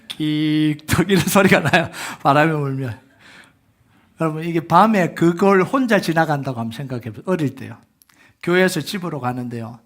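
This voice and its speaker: A man preaching a sermon as pastor, telling stories animatedly and swinging from loud cries to hushed whispers. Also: a little high.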